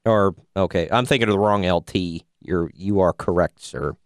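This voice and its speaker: A man's voice: low-pitched, moderate pace, no room sound, studio quality. A man co-hosting a podcast, giving a sarcastic, rambling recap in casual chat. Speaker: podcast co-host.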